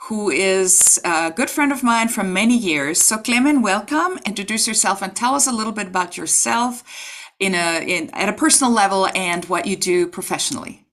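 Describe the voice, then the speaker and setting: A woman's voice: medium pitch, moderate pace. A middle-aged woman hosting a video-call interview series from her home, speaking articulately and asking long, carefully framed questions. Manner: articulate and warmly admiring, longer framed questions. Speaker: host. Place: home room with bookshelf and red rug. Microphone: video call webcam.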